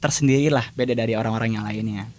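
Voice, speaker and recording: A man's voice: mid-range voice, steady tone, quick pace, a little mellow. A man talking as a public speaking trainer and podcast guest, casually explaining his points with everyday examples and acted snippets of dialogue.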